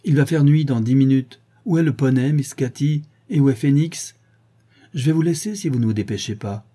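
A man's voice: fairly low pitch, lively intonation, moderate pace, dark tone, husky. A man reading aloud and voicing a stern middle-aged housekeeper who scolds a runaway girl sharply. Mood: impatient.

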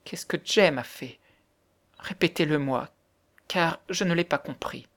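A man voicing a frightened young woman who speaks softly and pleads in a near whisper. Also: fairly high pitch, unhurried, pitched above the performer's own voice. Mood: distressed. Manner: soft, hushed, pleading, half whispered.

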